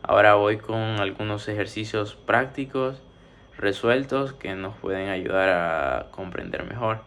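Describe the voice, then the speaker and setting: A man's voice: lowish voice, a little hiss or hum. A man teaching a spoken grammar lesson, methodically working through numbered exercises and drawing out syllables as he splits words. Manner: steady explaining, drawn-out syllables.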